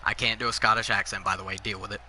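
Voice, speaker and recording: A man's voice: on the low side, little pitch movement, racing, sharp tone, a little hiss or hum. A young man casually commentating over a wrestling video game, joking and rambling, often restarting his sentences. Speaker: gaming commentator. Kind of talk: casual chat over gameplay.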